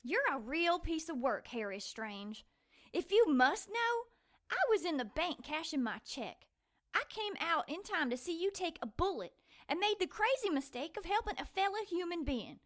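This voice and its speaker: A feisty, talkative young woman from an audio drama, sharp-tongued and quick to take offense. Her voice sits very high and bright. It leaps about in pitch as she scolds. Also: heavily acted. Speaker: woman who takes in the wounded hero.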